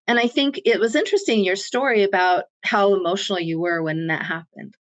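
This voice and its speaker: A woman who coaches people on self-empowerment is a guest in a conversational interview. Her mid-range voice is fairly bright, and she speaks briskly, laying out her ideas in an earnest, coaching manner.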